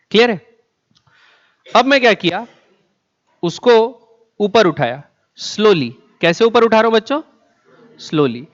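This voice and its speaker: This physics teacher has a high-pitched voice and fires questions at his class only to answer them himself, slowing way down on important words and repeating them. It's a classroom lecture with dull, lo-fi sound.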